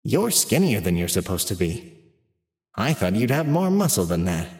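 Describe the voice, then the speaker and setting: A man's voice: mid-range voice, big pitch swings, moderate pace, pitched above the performer's own voice, natural voice. A man voicing a small, cheerful and naive male training robot in a storybook reading; guileless and chatty, catching himself when he says too much. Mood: cheerful, innocent. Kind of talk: storybook narration with voiced characters.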